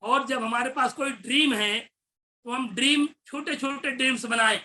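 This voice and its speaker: An Indian man with an eastern Uttar Pradesh Hindi accent speaks in a bright, forceful voice. He explains his points earnestly, like a teacher, and repeats key phrases for emphasis. A faint hiss of background noise sits under the recording. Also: very high voice, steady tone, moderate pace. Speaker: teacher and network marketer. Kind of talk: motivational business talk.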